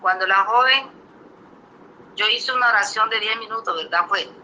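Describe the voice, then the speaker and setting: Very bright-voiced woman preacher. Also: medium pitch, normal speed, highs cut off, slight background noise. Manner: emphatic storytelling, frequent rhetorical questions to the congregation. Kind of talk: testimonial sermon.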